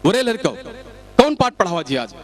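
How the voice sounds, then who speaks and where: A man voicing a bossy, lazy village schoolteacher who scolds his pupils loudly. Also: sits high, very animated, brisk, pitched above the performer's own voice. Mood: scolding. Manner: shouting, scolding.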